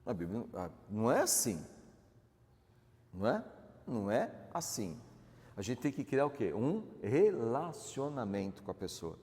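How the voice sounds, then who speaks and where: Man, pastor, Brazilian accent, lively pitch, conversational sermon, reverberant hall. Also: moderate pace. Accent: Brazilian Portuguese. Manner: conversational, asks the audience questions. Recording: church hall with long reverb.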